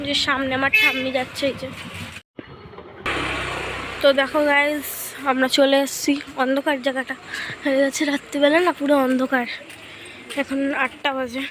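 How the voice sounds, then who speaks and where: A young woman with a hoarse voice and a stuffy nose from a cold, chatting casually to her vlog camera as she shows her meal and home. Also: high voice, little pitch movement, moderate pace, long pauses, noisy background. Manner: chatty, showing things to camera. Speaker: vlogger.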